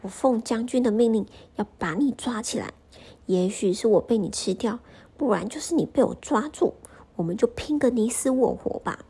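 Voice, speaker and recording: A woman voicing a clever little boy monk under ten, with a high, bold and breathy voice. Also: lively intonation, normal speed, mellow, exaggerated voice. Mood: earnest.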